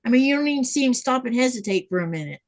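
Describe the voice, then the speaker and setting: A middle-aged woman hosts a sewing livestream, talking very fast in a fairly high, expressive voice with no room sound. She chats casually, tells rambling stories and reads out viewer comments.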